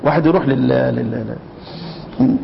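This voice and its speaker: A man with an Egyptian accent teaching Quran recitation in a classroom, quizzing students and chanting verses slowly. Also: mid-range voice, big pitch swings, vocal fry, a little hiss or hum. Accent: Egyptian Arabic. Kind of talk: classroom lesson explaining recitation rules. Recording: echoey, dull lo-fi lecture hall recording.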